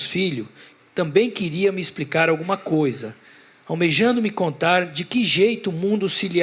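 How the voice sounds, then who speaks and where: A man, an author on a festival panel, reading his own short story aloud in a measured, deliberate way before an audience. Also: on the high side, a bit bright.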